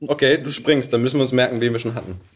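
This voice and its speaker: Podcast guy who talks really fast, teasing, excitable. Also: medium pitch. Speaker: podcast co-host. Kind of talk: casual podcast chat.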